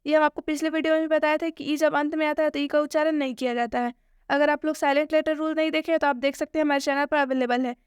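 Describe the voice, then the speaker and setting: A woman gives a spoken English lesson. She asks questions and answers them herself, and she repeats each point slowly. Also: high-pitched, flat delivery, no room sound, studio quality. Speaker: English teacher.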